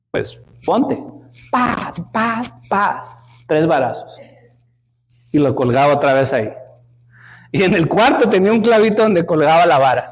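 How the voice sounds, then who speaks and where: A middle-aged Mexican man teaching a Sunday school class, animated, often repeating words and asking the class questions. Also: fairly high pitch. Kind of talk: Sunday school lesson, preaching.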